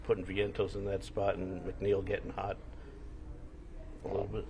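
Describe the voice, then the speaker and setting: A male reporter puts questions to a manager at a press conference. His voice sits low and stays even as he hesitates and rephrases. Room noise is clearly audible around him. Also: normal speed, low-quality recording.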